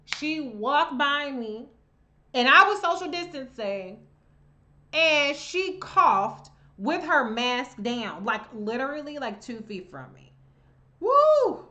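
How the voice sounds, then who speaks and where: A woman's voice: high voice, animated, slow pace, bright, forceful tone. A woman hosting a live Q&A, reading viewer comments and answering in a blunt, chatty, profane way. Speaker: livestream host.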